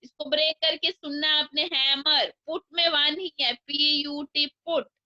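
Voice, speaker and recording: A woman teaching an online English class to young children, with an Indian accent, slowly breaking words into their syllables. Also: high voice, flat delivery, bright, forceful tone. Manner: slow, breaks words into sounds. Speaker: primary school English teacher. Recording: dull lo-fi online class audio.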